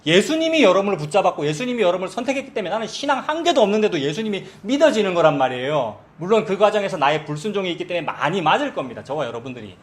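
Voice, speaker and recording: A middle-aged male pastor preaching a sermon in a conversational way, asking the congregation questions. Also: sits high.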